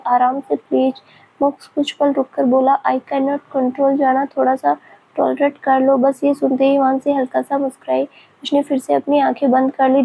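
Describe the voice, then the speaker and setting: A woman narrating a romance story in a steady, even reading. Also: high voice, a little hiss or hum, poor audio.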